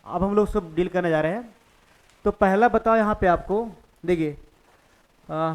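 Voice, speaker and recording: A man with a high-pitched voice teaches physics to a class, his speech carrying an eastern Indian Hindi accent. He talks in a loose, conversational way, repeating the steps and pausing to ask whether everyone follows. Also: a little mellow, rough recording. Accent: Hindi-speaking eastern India. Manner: conversational, keeps checking understanding with the class. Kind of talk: classroom lecture.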